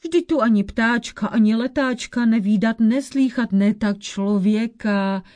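A woman voicing a hunched old witch in a folk tale, speaking slowly and gravely like a worried grandmother. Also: a little high, darkish tone, lightly acted. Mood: grave warning. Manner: slow, warning, grandmotherly. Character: old hunched witch Ježibaba, female, caring but grave.

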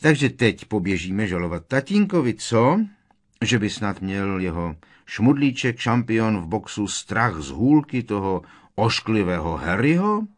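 A man voicing a sharp-tongued, defiant teenage boy who needles with sarcasm. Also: low-pitched, animated. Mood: sarcastic.

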